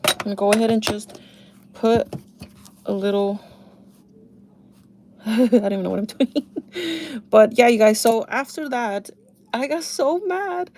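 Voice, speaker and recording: A woman's voice: a little high, lively intonation, unhurried, pauses often, a little mellow, slight background noise. A woman in her thirties chatting casually to her viewers while doing her makeup, confiding and talking straight to them. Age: 30s. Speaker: beauty vlogger.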